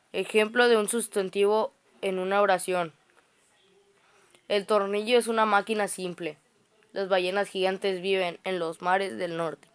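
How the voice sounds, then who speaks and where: A woman's voice: mid-range voice, clear, resonant tone. A woman reading grammar study notes aloud, often stumbling and restarting words. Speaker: student reciting study notes.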